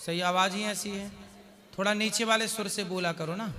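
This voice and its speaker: A man speaking as a spiritual guru on stage, counseling a couple with questions and slowly recited couplets. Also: high voice, steady tone, bright, forceful tone. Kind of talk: devotional advice to a couple. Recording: long hall reverb.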